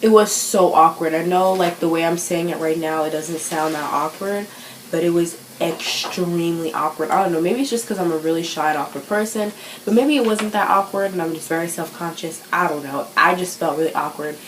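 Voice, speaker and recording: Teen girl rambling to camera, low voice, roomy echo, little hiss. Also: a little fast. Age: teens. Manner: chatty, self-conscious, full of fillers. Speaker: vlogger. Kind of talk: casual chat.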